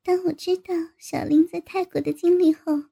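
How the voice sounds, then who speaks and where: A young woman narrating an adult audio story in a breathy, intimate way, sometimes dropping to a whisper. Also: very high voice, steady tone, normal speed, warm tone.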